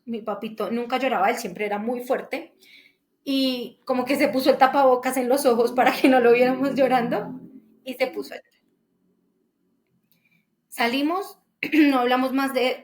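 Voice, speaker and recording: A woman tells her father's illness story as a heartfelt, faith-filled personal testimony, often restarting her phrases. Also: fairly high pitch.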